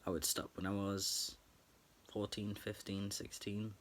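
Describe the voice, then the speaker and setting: A young man with a somewhat low voice, speaking softly and earnestly into his camera. He reflects slowly and haltingly, often pausing and restarting mid-thought. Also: little pitch movement, a little hiss or hum. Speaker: vlogger. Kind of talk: late-night personal reflection.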